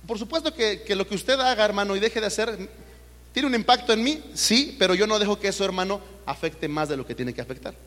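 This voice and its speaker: High-voiced pastor preaching in a reverberant hall. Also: male voice, lively intonation, a little fast, a bit bright. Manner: asks rhetorical questions, keeps addressing listeners as brother. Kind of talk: sermon. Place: church sanctuary. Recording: long church hall reverb.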